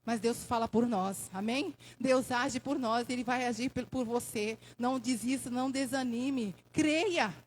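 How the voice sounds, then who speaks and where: A woman's voice: a little high, fairly even intonation, moderate pace, few pauses, darkish tone, a little hiss or hum, poor audio. A Brazilian woman giving an emotional testimony in church, preaching with fervor and calling for amens. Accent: Brazilian Portuguese. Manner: impassioned, preaching with call-and-response "amém".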